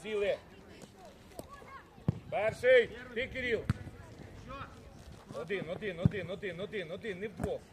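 A man's voice: moderate pace, pauses often. A man coaching a youth football team, calling short commands to his players from the sideline. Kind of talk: coaching shouts from the touchline. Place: outdoor football pitch. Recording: noisy crowd at an outdoor pitch. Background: crowd of parents and players.

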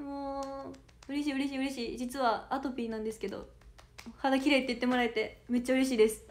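On a casual livestream, a young idol audition candidate with a Kansai Japanese accent reads viewer comments aloud, her high voice bubbly and full of frequent giggles.

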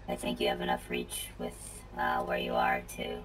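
A man talking through a voice changer, calmly giving short directions to a teammate during a casual game chat. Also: normal speed, a little hiss or hum, low-quality recording. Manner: calm, gives short spotting directions. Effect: voice changer, very deep and flat. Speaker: crane operator teammate. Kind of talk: casual gaming chat over voice comms.

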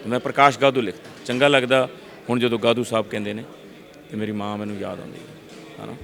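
A middle-aged man, telling lively stories in an interview and acting out voices. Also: medium pitch, quick pace, vocal fry, over music. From Punjab, India. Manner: lively storyteller, acts out voices, frequent restarts. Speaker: actor interviewee. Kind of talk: animated casual interview talk.

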